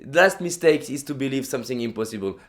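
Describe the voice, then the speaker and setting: Speaking fast with lively intonation in a mid-range voice, a young French man with a French accent gives an emphatic motivational vlog talk. He is a native French speaker from France, and he keeps repeating and restarting.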